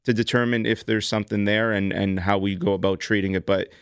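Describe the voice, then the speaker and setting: A doctor in his thirties hosts a call-in health radio show, explaining matters to callers in a measured way and often restarting sentences. His fairly low voice is crisp, clear and steady in tone, recorded close and dry like a radio studio with no echo.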